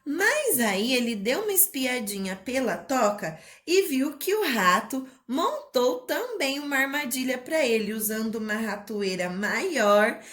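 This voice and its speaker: Speaking Portuguese with a Brazilian accent, a very animated primary school teacher walks young children through a spelling rule. Her delivery is very slow, rather high and sing-song, full of little diminutives, echoing in the room with a slightly bright sound.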